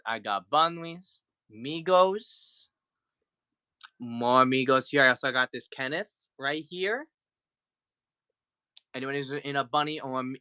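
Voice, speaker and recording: A man's voice: mid-range voice, pushed and bright, clear, resonant tone, no echo. A man hosting a casual live toy sale, chatty and sick with the flu, greeting viewers and counting down offers. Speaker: livestream toy seller. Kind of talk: casual live-selling chat.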